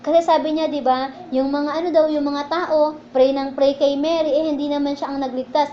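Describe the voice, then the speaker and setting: A woman's voice: high-pitched, fairly even intonation, fairly quick, muffled recording, a little hiss or hum. A woman with a Filipino accent preaching a sermon in a church, in a conversational way and often checking in with her listeners. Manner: conversational preaching, keeps asking di ba.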